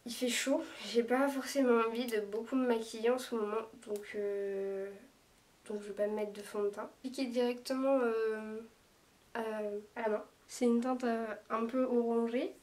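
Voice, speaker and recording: A woman with a slightly high voice chats her way through a makeup review, pausing and hesitating often. She sounds a little distant from the microphone, as if filming herself across a daylit room. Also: steady tone, a little mellow. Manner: chatty, hesitant, lots of small pauses. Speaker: beauty vlogger. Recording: voice a bit far from the mic.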